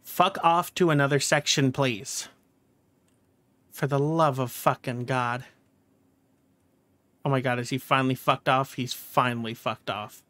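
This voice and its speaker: A man's voice: mid-range voice, fairly even intonation, measured pace, pauses often, fairly bright tone, no room sound. A male game streamer talking live as he plays, swearing constantly, stammering and restarting his sentences, frustrated and angry.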